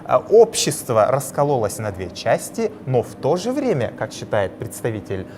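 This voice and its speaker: Lively, halting male TV debate moderator. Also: mid-range voice. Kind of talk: presenting a TV studio discussion. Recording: clearly noisy sound.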